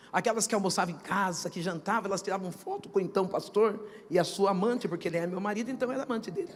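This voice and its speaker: A middle-aged woman pastor with a Brazilian accent gives a testimony sermon, moving from hushed storytelling to shouted, half-sung preaching. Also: mid-range voice, slight background noise. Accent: Brazilian Portuguese. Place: large church hall. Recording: church hall reverb with music behind.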